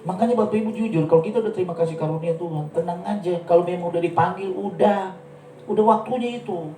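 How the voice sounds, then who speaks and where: A man preaching a sermon, telling stories with lively acted-out quotes. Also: sits high, fast, echoey room, recorded from a distance, soft background music, low-quality recording. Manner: animated storytelling, acts out quotes. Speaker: pastor. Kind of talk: sermon with storytelling. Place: church.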